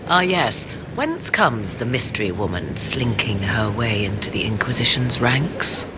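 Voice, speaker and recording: An actress voices a mysterious, proud sorceress in video game dialogue, using formal, archaic, measured phrasing. Her low, creaky female voice is expressive with a wry edge, and heavy background noise sits beneath it.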